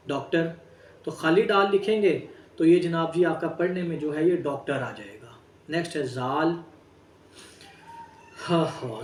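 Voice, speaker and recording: A man teaching a Braille lesson, spelling out each word letter by letter and talking straight to his students. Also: a little high. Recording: echoey room, distant mic.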